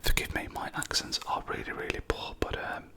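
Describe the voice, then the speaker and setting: An adult ASMR creator reviews their own film collection in a soft, unhurried whisper, often pausing on "um" and "yeah."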